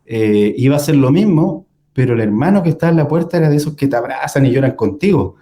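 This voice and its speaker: A young man recounts a personal experience as a guest in a conversation. His voice is warm and dark in tone, and his pitch sits in the middle range. He talks loosely, with many fillers and short laughs. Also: expressive, fast. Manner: storytelling with frequent fillers and laughs. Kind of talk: casual testimony in a conversation.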